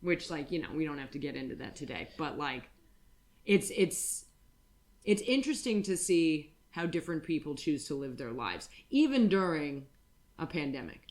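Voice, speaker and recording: A woman's voice: deep voice, sing-song, normal speed, darkish tone. Rambling woman podcast host. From United States. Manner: rambling, frank and crude, with many fillers. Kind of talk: casual chat.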